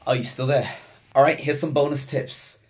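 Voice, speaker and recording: A young man reviews tech in a casual vlog, speaking at normal speed in a medium-pitched voice. He's indoors at his home desk among monitors, talking directly to the camera with chatty enthusiasm that tips into loud, giddy excitement.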